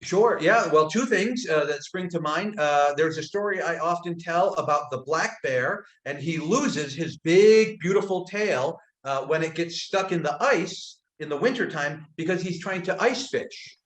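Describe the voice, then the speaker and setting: A man from upstate New York talks calmly about storytelling, stopping often on "uh" and letting his phrase ends drop soft. His voice is a little high for a man. The room around him rings with echo. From upstate New York, United States. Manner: thoughtful, many "uh" pauses, soft trailing phrase ends. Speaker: guest storyteller. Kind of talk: casual storytelling talk on a webinar. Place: indoors, abroad in Croatia.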